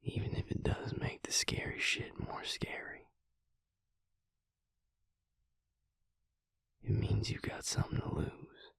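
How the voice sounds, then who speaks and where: A man plays a tender, protective, tired vampire mate in an intimate audio roleplay, whispering with a breathy, gravelly, hushed voice in a deliberate, reassuring manner. It is lightly acted with no room sound, the mood tender and determined.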